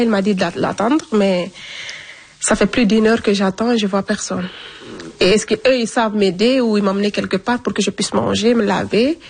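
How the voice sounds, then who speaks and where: Woman, interviewee, personal testimony, plain storytelling, spoken fillers, repeated phrases, mid-pitched voice. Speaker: interviewee recounting her migration.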